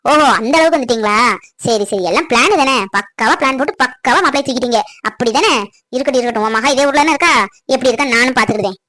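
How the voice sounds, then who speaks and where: Woman playing a sneering angry mother, high-pitched, rapid, family skit. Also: bright, forceful tone. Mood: threatening. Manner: scolding, accusing. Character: angry scolding mother of a runaway son. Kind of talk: family comedy skit acting.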